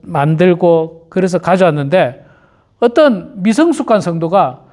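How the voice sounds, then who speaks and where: A man's voice: sits high, expressive, measured pace, a little mellow. A male pastor preaching at an early-morning prayer service, repeating his key phrases and speaking straight to the congregation. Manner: acts out quoted churchgoers in little voices.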